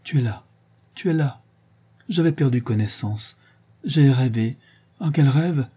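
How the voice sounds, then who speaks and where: A man's voice: medium pitch, lively intonation, a little slow, dark tone, husky. A man voicing a feverish young woman of twenty. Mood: anguished. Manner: feverish, urgent delivery.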